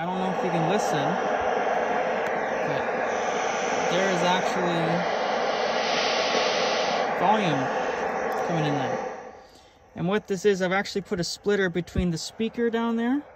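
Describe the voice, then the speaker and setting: A hobby vlogger gives an enthusiastic, casual walkthrough of his gear in and around a truck, speaking informally. His voice sits high, with a measured pace and long pauses. Vehicle and ambient noise are clearly audible.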